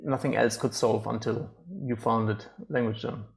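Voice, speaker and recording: Gravelly-voiced male interview host. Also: fairly low pitch, level tone, a little slow, poor audio. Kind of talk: casual interview.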